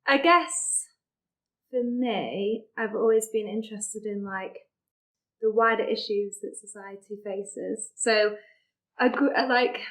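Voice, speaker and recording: A young adult woman from Sheffield, England, speaks with a Sheffield accent in a medium-pitched, slightly bright voice at a slow pace. A charity deputy director, she's a chatty podcast guest in a casual interview, using lots of fillers and "likes," though the recording quality is low.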